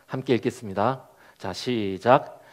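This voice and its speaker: A male pastor preaching a sermon, acting out quoted complaints in character voices and dropping to a soft, low delivery at key moments. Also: a little slow. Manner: animated, acts out the prophet's complaints in quoted voices.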